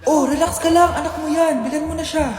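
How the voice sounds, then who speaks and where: A woman's voice: high-pitched, fairly even intonation, fairly quick, echoey room, lightly acted. A woman voicing a scheming teenage girl's inner thoughts in a comedy skit, coaxing and muttering asides, over background music. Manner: conspiratorial asides. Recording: music playing underneath.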